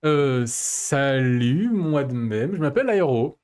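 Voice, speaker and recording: A man's voice: mid-range voice, lively intonation, slow, darkish tone. A man doing an eager teenage schoolgirl. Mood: curious. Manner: eager, questioning.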